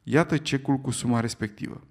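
A man doing Phileas Fogg, the cool gentleman. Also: medium pitch, lightly acted. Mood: composed. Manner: cool, clipped and unflappable. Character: calm, precise English gentleman gambler.

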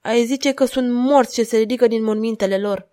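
A woman's voice: a little high, warm tone, pitched above the performer's own voice, natural voice. A woman reading aloud and voicing a fragile, grieving madwoman with a pleading, tremulous way of speaking. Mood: anguished.

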